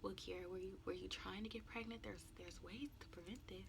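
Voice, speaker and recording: A woman whispering as a calm mother. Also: mid-range voice, fairly quick, creaky, natural voice. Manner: hushed whisper. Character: calm middle-aged mother asking quietly.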